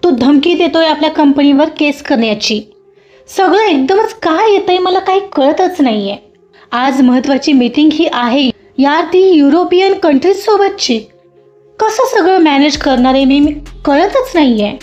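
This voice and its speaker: A woman's voice: sits high, expressive, darkish tone. Woman doing Arjun, a stressed-out boss. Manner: worried, rushed, bossy. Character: stressed, angry male office boss. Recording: dull lo-fi audio with faint music.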